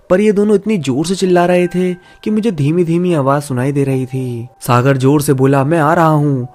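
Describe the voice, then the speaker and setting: A man narrating a first-person horror story in a steady, dramatic storytelling manner. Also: fairly high pitch.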